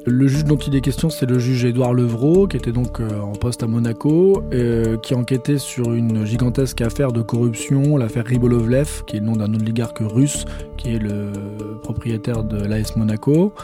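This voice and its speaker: A man's voice: mid-range voice, moderate pace, few pauses, over music. A male journalist explaining a legal case in conversational commentary, with frequent hesitations.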